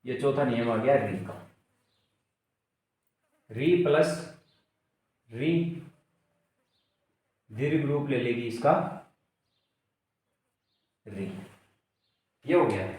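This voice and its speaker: A male teacher giving an exam-prep grammar lesson. He asks questions and answers them himself, and spells out word parts slowly. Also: medium pitch, animated, a little mellow. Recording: very echoey room, distant mic.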